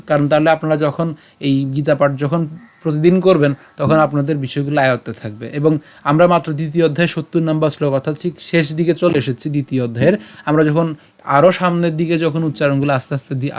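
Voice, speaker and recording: A man with a slightly high voice leads a pronunciation lesson on scripture verses. He breaks every word into syllables, explains each sound, and chants the verse lines slowly. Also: steady tone. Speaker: Gita recitation teacher.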